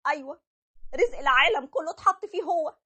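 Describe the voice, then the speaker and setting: A woman's voice: high voice, expressive, fast, pushed and bright. A woman voicing a loving, playful young wife with an Egyptian accent. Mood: pleading. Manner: playful and pleading. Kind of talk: animated story voice acting.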